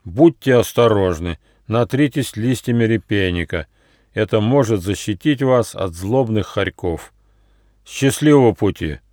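A man voicing a big, kind male dragon in a storybook, booming and helpful. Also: animated, a little slow, a little mellow, dry recording, clean studio sound. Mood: friendly.

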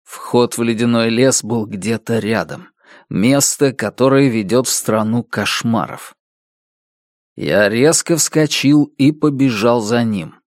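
Man narrating a dark audiobook. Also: medium pitch, dry recording, studio quality. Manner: grave, measured storytelling. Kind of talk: first-person audiobook narration.

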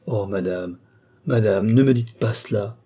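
A frightened young woman pours out her tale with urgent, dramatic dread. A man reads her in a low, husky voice with a mellow, dark tone. It sounds like a storybook audiobook. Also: a little slow. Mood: pleading. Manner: urgent, dramatic first-person telling. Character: distraught young woman recounting a dark abduction.

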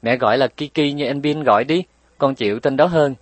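A man's voice: a little fast, dry recording, lightly acted. A man voicing a playful, stubborn little girl who bites her playmates, speaking cheekily in a raised voice. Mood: pleading. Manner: pleading, cheeky, raised pitch.

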